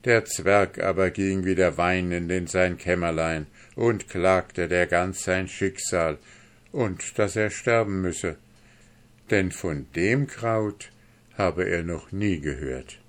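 Male narrator, low and very slow, measured fairy-tale audiobook reading. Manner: measured, storytelling.

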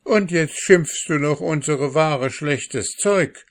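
A man's voice: a little high, slow, voice pushed up. A man voicing a bold young market boy who scolds in an indignant tone in a storybook reading.

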